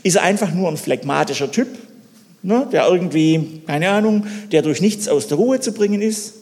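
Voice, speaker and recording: A man's voice: sits high, lively intonation, normal speed. Man preaching in a reverberant hall. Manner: storytelling, asks the listeners questions, swings between loud and hushed. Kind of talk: sermon.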